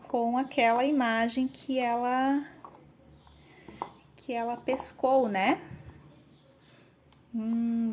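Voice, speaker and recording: A Brazilian woman explaining and demonstrating learning materials for young children, filmed on a handheld phone, often tagging her sentences with questions and counting aloud slowly. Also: on the high side, a little hiss or hum. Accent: Brazilian Portuguese. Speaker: educator showing teaching materials. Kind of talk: casual demonstration of classroom materials. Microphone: handheld phone camera, filming one-handed.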